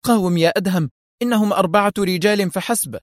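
A spirited young woman agent, put on by a male narrator who lifts his voice in an audiobook. Her voice is higher and urgent. It is read in a dry, close sound. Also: animated, quick pace, a little mellow, no room sound, lightly acted. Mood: urging. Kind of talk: audiobook character voice.

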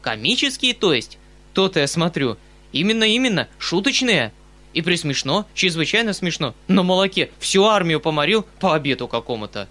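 Мужчина играет шумного добродушного старого полковника. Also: male voice, high voice, big pitch swings, moderate pace, sharp tone, pitched above the performer's own voice, heavily acted. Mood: excited. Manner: exclaiming, fussy, eager. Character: excitable good-natured retired male colonel, older.

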